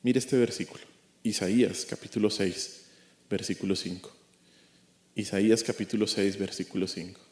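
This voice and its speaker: A man's voice: fairly low pitch, steady tone, moderate pace, darkish tone, echoey room, a little hiss or hum. A man preaching an expository sermon as a pastor, earnest, asking rhetorical questions and repeating his points. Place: church.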